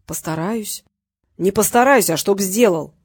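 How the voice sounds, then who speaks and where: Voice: medium pitch, animated, normal speed, lightly acted. A reader voicing a cold male gang boss who gives hard, curt orders. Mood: threatening. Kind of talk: audiobook character voice.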